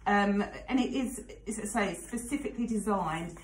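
An Englishwoman in her forties hosts casual radio chat from a studio, talking frankly with lots of fillers and asides. Her voice sits mid-range at a moderate pace. The studio microphone captures an echoey room and the recording is rough.

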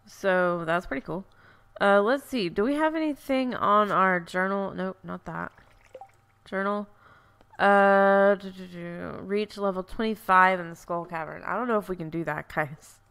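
Playing through a farming game, a woman gives casual commentary, musing aloud and catching her own mistakes. She sounds congested, yet her medium-pitched voice is fairly bright, clear and resonant.

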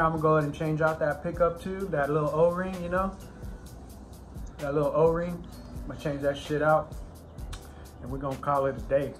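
A man in his twenties chatting casually to camera in a garage, swaggering and slangy with heavy swearing. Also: fairly high pitch. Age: 20s. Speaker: DIY car repair vlogger. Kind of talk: casual vlog chat to camera. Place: home garage with open door.

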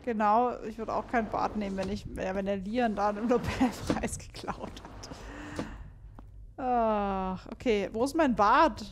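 A woman's voice: medium pitch, a little slow, background noise. A young woman chatting and joking to her viewers as she plays a horror game. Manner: chatty, joking, talks to viewers while playing. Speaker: let's play host. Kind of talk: casual gameplay commentary.

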